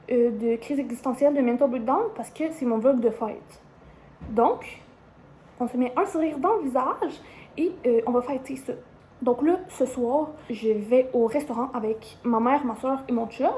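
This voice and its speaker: A young woman with a Quebec French accent talks casually to her camera, rambling and filling pauses with little hesitations. Her voice sits a bit high but sounds mellow and soft-edged. A faint hiss lies under the recording. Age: 20s. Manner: chatty, rambling, frequent "euh" and "genre" fillers. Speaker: vlogger, university student.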